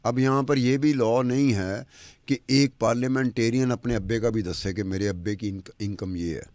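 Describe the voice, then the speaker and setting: A man's voice: mid-range voice, steady tone, a little mellow, dry recording. Male podcast commentator, mid-range voice, dry close sound, argues through rhetorical questions. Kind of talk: argumentative podcast talk. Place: studio with a woman anchor.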